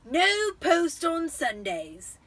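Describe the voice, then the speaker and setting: A woman voicing an irate, blustering middle-aged uncle in a storybook, with loud, drawn-out, emphatic delivery. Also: extremely high pitch, huge pitch swings, pitched above the performer's own voice, exaggerated voice. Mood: gleeful.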